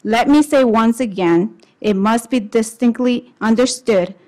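Woman w a slightly high voice reading a formal statement, deliberate. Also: dark tone, rough recording.

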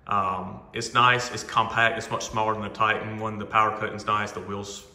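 A man in his forties giving a casual walkthrough of his home gym equipment, talking in a relaxed, chatty way with lots of fillers, recorded on a handheld phone. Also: on the low side, normal speed. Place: echoey home gym room. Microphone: phone camera held while walking. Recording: roomy reverberant home gym.

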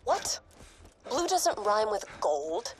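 A woman's voice: mid-range voice, big pitch swings, slow, heavy background noise. A woman voicing a wry wedding mediator who talks in a self-mocking way.

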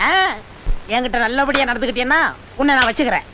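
A boastful, scheming ex-convict. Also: male voice, very high-pitched, steady tone, quick pace, very noisy. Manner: boastful, threatening, conspiratorial. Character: scheming male ex-convict who wants to be a guru. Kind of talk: film comedy dialogue.

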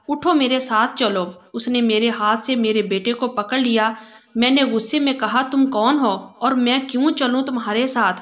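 Woman storyteller, slightly high voice, dramatic, emotional first-person narration. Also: fairly bright tone.

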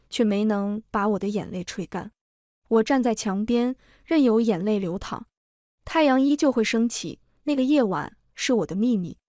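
A woman narrating a first-person emotional story in a steady, even reading voice. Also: on the high side, dry recording, studio quality.

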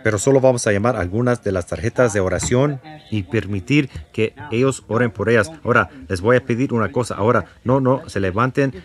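A man's voice: on the low side, fairly quick. Fervent male preacher praying and preaching. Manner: fervent, repeats words and asks the congregation questions. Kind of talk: sermon with prayer.

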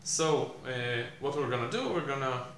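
A young man teaching programming while he codes, thinking aloud with many fillers and pauses, recorded in a small room. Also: mid-range voice, animated, a bit bright. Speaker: programming tutor. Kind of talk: live coding explanation. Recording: echoey room, faint hiss.

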